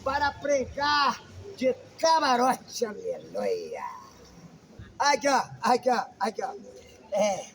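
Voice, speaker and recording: A man's voice: very high voice, slow, a bit bright, a little hiss or hum, rough recording. A man, a pastor, preaching a sermon emphatically and calling out questions to his listeners.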